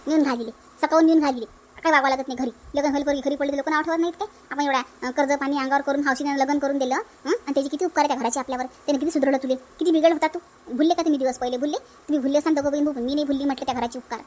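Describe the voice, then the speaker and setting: A woman's voice: high-pitched, a little mellow, a little hiss or hum, close to an everyday voice. A woman voicing a stubborn, scolding village mother in a cartoon dub, with a Varhadi Marathi accent. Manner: scolding, repetitive. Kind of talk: cartoon dubbing.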